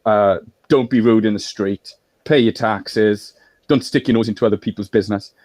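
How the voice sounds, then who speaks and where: A man's voice: fairly low pitch, fairly even intonation, normal speed, a little mellow, no room sound. A man from Wales in a political discussion, explaining at length in a lecturing way.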